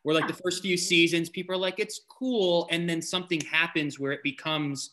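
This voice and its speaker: Bright-voiced male podcast co-host. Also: on the high side, steady tone, normal speed, slight background noise. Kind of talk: casual chat.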